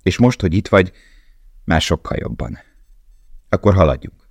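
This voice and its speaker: A man's voice: deep voice, expressive, vocal fry, slightly rough, no echo, studio quality, full character voice. A man reading the part of a cheerful, wry young male prisoner in a storybook.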